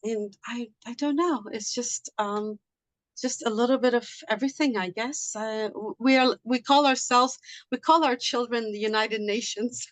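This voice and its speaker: Speaking as a guest on an interview, a middle-aged woman from Liberia who works as an immigration consultant talks in a relaxed, chatty way, often restarting and using fillers. Her voice is a little high at a moderate pace, and the audio is dry and poor.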